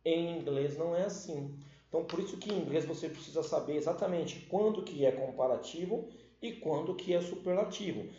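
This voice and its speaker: A man's voice: a little high, mellow. A Brazilian man teaching English grammar in an online class, checking in often with his students and spelling out endings letter by letter. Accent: Brazilian Portuguese. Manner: explains slowly, often checking with "né?" and "certo?". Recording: lo-fi echoey room recording.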